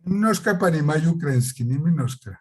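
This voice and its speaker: A man with a foreign accent giving an academic presentation in a language that is not his native one, haltingly and searching for words. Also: on the high side, expressive, darkish tone, slightly rough. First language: not Russian. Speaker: conference presenter.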